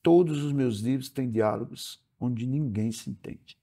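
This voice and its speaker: A man's voice: medium pitch, unhurried, warm tone. A man, a writer performing his own stories live on a theatre stage, talking theatrically. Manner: theatrical, switching voices between characters. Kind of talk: live story reading and talk.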